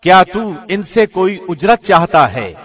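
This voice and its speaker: Sounding like a professional radio presenter, this man formally reads a scripture translation, solemn, measured, and clearly articulated. His voice sits high with a sing-song quality and a slightly bright tone.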